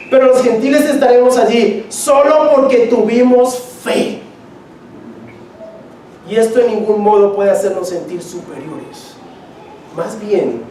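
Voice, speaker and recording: Preacher, sermon, emphatic, repeats phrases, booming church echo, distant mic. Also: mellow, a little hiss or hum. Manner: emphatic, repeats key phrases, asks the congregation direct questions. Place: church sanctuary.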